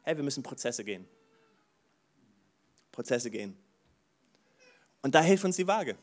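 A man preaching a sermon, animated, moving between soft asides and loud bursts, often exclaiming "wow". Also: medium pitch, a little slow. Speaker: pastor.

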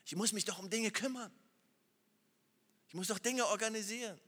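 A man preaching a sermon, moving between loud, urgent appeals and soft, hushed prayer. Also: high voice, normal speed. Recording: long hall reverb.

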